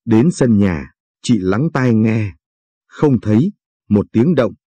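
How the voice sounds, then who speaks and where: A man narrating a short story for a late-night radio program in a calm, measured reading. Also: lowish voice, dry recording, dull audio.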